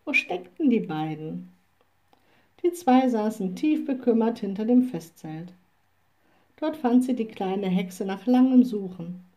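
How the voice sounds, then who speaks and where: A woman reading a children's storybook aloud in a calm, clear way. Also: mid-range voice, measured pace, highs cut off. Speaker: narrator.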